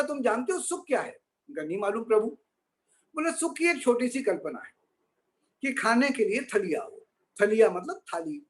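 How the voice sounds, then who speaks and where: A man, delivering a humorous motivational lecture. He builds jokes on playful wordplay and tends to drop to a softer tone for each punchline. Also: sits high. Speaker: guest speaker.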